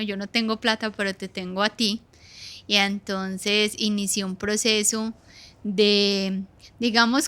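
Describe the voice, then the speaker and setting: A woman's voice: on the high side, a bit bright. A middle-aged woman, giving an earnest personal faith testimony and acting out her own past words.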